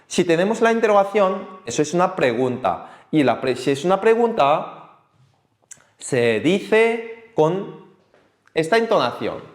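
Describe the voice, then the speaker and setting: Lively man teaching a class. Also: sits high, a little slow. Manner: lively, patient, repeats words for the class to echo. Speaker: Korean language teacher. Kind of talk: online language lesson. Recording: echoey room with faint noise.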